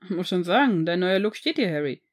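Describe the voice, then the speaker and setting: A woman's voice: fairly low pitch, animated, a little fast. A tall, friendly young man with a slightly awkward, rambling way of explaining, as a woman reads him. He sounds amiable and open, in a plain audiobook reading.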